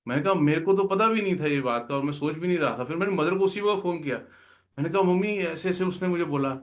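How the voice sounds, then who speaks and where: At a devotional gathering, a male guest speaker earnestly shares a heartfelt personal story, working English words into his speech. He talks fast in a slightly high voice.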